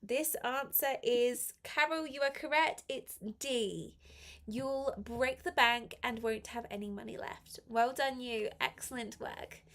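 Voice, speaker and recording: Nursing a slight head cold, a woman runs a live online English lesson, reading exercises aloud and encouraging learners in a clear, step-by-step manner. Her voice is a little high and fairly bright, and she takes things slowly.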